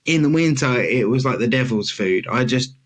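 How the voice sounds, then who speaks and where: A man's voice: medium pitch, animated, moderate pace. A young man from the UK hosting a podcast, chatting casually and joking, with lots of restarts. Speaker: podcast host. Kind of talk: casual chat.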